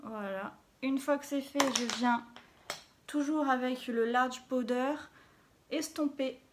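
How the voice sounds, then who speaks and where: Using a phone camera, a high-pitched beauty vlogger takes her time walking through her makeup routine, with slight background noise audible. She's chatty and casual, dropping little interjections between steps.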